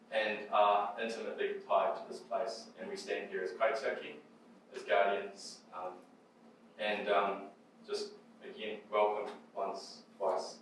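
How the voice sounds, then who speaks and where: Low-voiced New Zealand man in an echoey hall. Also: far from the mic, slight background noise. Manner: joking, hesitant with many ums. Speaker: mana whenua representative speaker. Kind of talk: public talk at an event.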